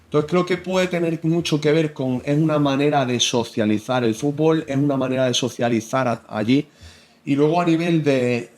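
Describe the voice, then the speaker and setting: A young Spanish man with a Spain Spanish accent, a football analyst chatting in an interview, halting with many restarts. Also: fairly high pitch, a little mellow. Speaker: football analyst and coach, guest. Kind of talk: casual interview chat.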